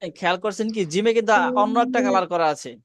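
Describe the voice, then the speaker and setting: A man teaching Arabic letter pronunciation in an online class, patient and slow, repeating each letter for students to echo. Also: high-pitched. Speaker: Quran teacher. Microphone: video call.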